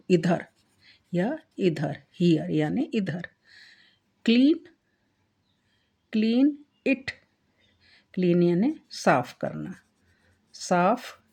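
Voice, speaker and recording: A woman's voice: on the low side, mellow, slightly rough. A woman teaching a spoken-English lesson, calling out each English phrase with extra force, then repeating and explaining it.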